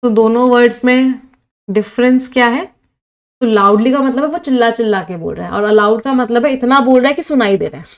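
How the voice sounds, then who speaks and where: Hindi-English teacher quizzing a live class. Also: female voice, on the high side, a little fast. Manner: asks the class questions and answers them herself, mixing Hindi and English; reads chat comments from live viewers. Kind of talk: live online exam-prep vocabulary lesson.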